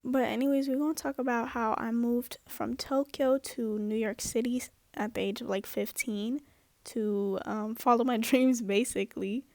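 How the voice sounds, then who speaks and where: A woman's voice: fairly high pitch, fairly even intonation, moderate pace, darkish tone, faint music behind. Slangy, chatty young woman vlogger. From Japan. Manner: slangy, chatty, upbeat with asides. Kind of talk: casual get-ready-with-me story time.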